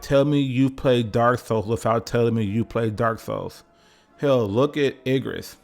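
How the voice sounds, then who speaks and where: A man delivers a loose, comedic video essay, breaking off into jokes, swearing and chatty asides to the viewer. His mid-pitched voice has a gravelly rasp to it, and soft music runs underneath him. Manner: joking, profane, conversational asides.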